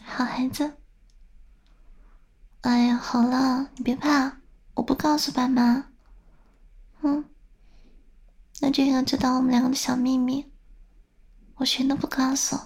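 A woman voices a young older sister in a whispered role-play, her voice high and slightly gravelly, exaggerated, flat and a little slow with long pauses. Stern yet doting, she lectures, scolding close to the ear before coaxing softly.

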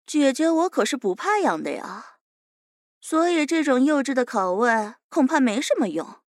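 A woman's voice: high-pitched, big pitch swings, normal speed, dry recording, clean studio sound. A woman voicing a fearless, smug young captive who teases her interrogator and calls herself big sister, in an audio drama. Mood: teasing.

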